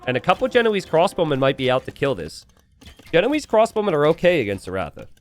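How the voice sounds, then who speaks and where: Animated, high-pitched man commentating a game. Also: fast. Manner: animated, bursts into excited repeated exclamations; casual, joking. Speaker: esports commentator. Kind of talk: live game commentary to a stream chat. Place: indoors at a computer.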